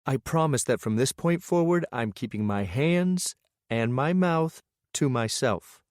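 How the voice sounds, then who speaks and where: Soft, hesitant young woman, put on by a male narrator, audiobook romance, dry close sound. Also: mid-range voice, lively intonation, measured pace, no echo, voice pushed up, lightly acted. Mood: apologetic. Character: young woman, gentle and apologetic. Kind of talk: audiobook character voice.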